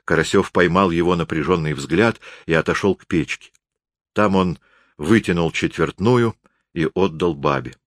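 A man narrating a literary story in a measured storytelling voice. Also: sits low, no room sound, clean studio sound. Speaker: audiobook narrator. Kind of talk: literary reading.

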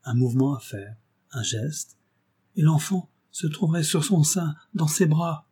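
A man narrating an adventure novel in a measured, expressive reading. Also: a little high, husky. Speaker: audiobook narrator. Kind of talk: scripted narration.

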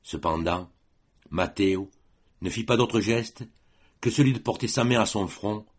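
A man narrating a classic short story as an audiobook reader, in an expressive, measured way. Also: lowish voice, husky.

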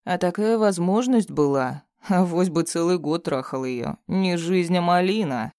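A crude, sneering male thug, tied up and bloodied, jeers in a strained voice pushed well above the reader's own. A man acts him out, loud and mocking, recorded close and dry in an audiobook. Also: sits high, a little slow, clear, resonant tone, no room sound. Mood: taunting.

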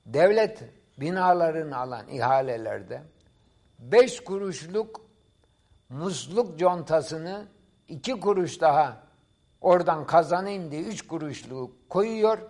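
A man's voice: on the high side, expressive, slow pace, darkish tone. A middle-aged man, a professor appearing as a guest, explaining ideas in a didactic, emphatic way during a talk-show discussion.

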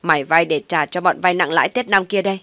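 Storybook role: contemptuous elder brother, woman reader, stern loud scolding, dry sound. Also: fairly low pitch, fast talker, dry recording. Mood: contemptuous anger. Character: angry older brother lecturing his sibling.

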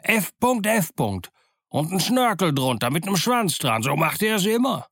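A man voicing a rough male pirate sailor who talks eagerly, in a dry recording. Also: sits high, very animated, moderate pace, fairly bright tone, no echo, pitched above the performer's own voice, full character voice. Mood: excited.

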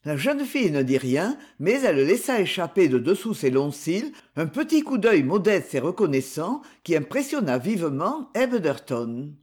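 A man reading a story aloud, his voice sitting high and rising and falling with a lively, expressive swing. He narrates with a dramatic touch. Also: slightly rough. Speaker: audiobook narrator.

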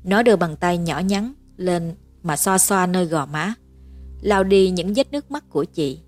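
A woman reading a Vietnamese-language horror story aloud in a steady, measured narration. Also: fairly low pitch, faint music behind.

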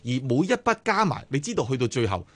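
A man with a Hong Kong Cantonese accent explains things on a radio show, his voice rising and falling a lot. He keeps a quick pace and repeats phrases to drive a point home. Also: medium pitch. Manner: lively, repeats phrases for emphasis.

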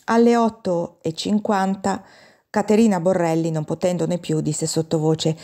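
A woman's voice: lowish voice, fairly even intonation, a little slow, warm tone. A woman reading a classic novel aloud as an audiobook, narrating expressively and lifting her voice for the characters' quoted lines. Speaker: audiobook reader.

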